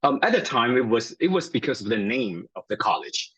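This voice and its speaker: A man's voice: medium pitch, very animated, brisk, a bit bright, breathy edge, no echo, low-quality recording. A man from Taiwan, a native Chinese speaker, talking as a guest chiropractor in a casual interview, friendly and hesitant with many fillers.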